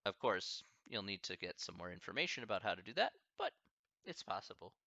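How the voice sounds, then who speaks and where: A man's voice: sits low, big pitch swings, a little fast, creaky, bright, forceful tone, no room sound, dull audio. A man with a Midwestern American accent, a math professor chatting casually with his students and thinking aloud as he answers their questions.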